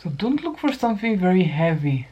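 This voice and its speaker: A woman's voice: fairly low pitch, sing-song, a little fast, slight background noise. A woman in her fifties hosting a casual makeup tutorial, chatting to viewers and correcting herself as she works. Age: 50s. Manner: chatty, talks to viewers while applying makeup, self-correcting. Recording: dull lo-fi sound.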